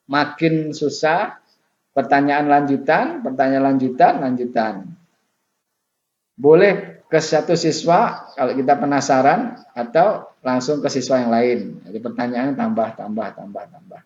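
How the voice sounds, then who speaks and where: Man tutoring in a roomy, dull recording. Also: on the high side. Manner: relaxed explaining with many fillers and repetitions. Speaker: university tutor. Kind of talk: online tutorial lecture. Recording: roomy, dull sound with faint noise.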